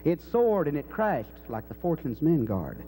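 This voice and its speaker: A man's voice: a little high, very animated, a little slow, mellow, poor audio. A middle-aged man with a folksy cowboy drawl, reciting cowboy poetry live into a stage microphone. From Kansas. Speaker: cowboy poet. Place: dark indoor stage. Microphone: stage microphone on a stand. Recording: faint noise and hum.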